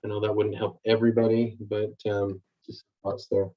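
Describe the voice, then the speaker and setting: A man's voice: fairly low pitch, little pitch movement, moderate pace. A man giving a hesitant, trailing public comment over a distant, muffled call.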